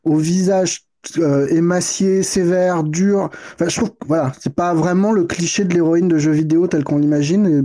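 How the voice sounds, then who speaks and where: A man co-hosts a casual chat about video games. His voice is mellow and warm yet sits slightly high. He explains things thoughtfully, hedging as he goes. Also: steady tone, moderate pace. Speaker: podcast co-host.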